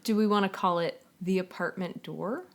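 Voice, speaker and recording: A young woman co-hosting a podcast, chatting in a relaxed, agreeable way. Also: medium pitch, normal speed. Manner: relaxed, agreeable, with frequent back-channel "mm-hmm". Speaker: podcast co-host. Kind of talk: casual chat.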